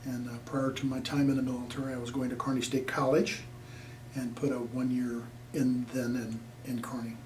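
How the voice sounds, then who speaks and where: A man's voice: mid-range voice, flat delivery, moderate pace, darkish tone. An older man from Nebraska, speaking plainly with many fillers in an oral history interview. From Nebraska, USA. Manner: plainspoken, rambling with frequent fillers. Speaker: veteran being interviewed. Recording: echoey room, distant mic, faint noise.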